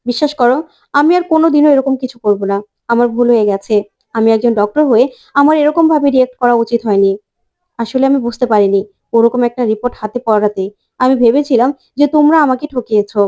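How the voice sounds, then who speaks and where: Remorseful young male doctor, voiced by a woman, pleading, high voice. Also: quick pace, warm tone, dull audio, natural voice. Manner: pleading, apologetic.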